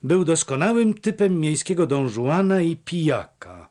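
A man reading a classic novel aloud, slowly and expressively. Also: fairly high pitch, expressive, darkish tone. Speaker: audiobook narrator. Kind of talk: scripted narration of a classic novel.

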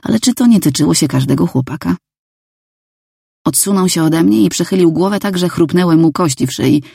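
A woman reading a novel aloud in first person, calm and even. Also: fairly low pitch, a little fast, vocal fry, slightly rough, dry recording, clean studio sound. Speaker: audiobook narrator. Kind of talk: scripted first-person narration.

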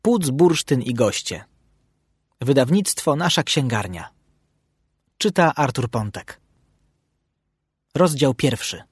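Husky, animated male audiobook narrator. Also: mid-range voice, slow pace, long pauses, dry recording, clean studio sound. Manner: expressive, animated storytelling. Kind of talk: children's audiobook reading.

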